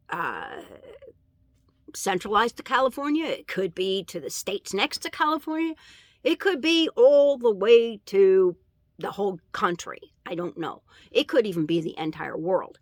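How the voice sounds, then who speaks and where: Slow, halting soft-spoken woman. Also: medium pitch, animated, no echo, clean studio sound. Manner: halting, with many fillers and pauses. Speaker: vlogger sharing a dream. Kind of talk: casual religious testimony.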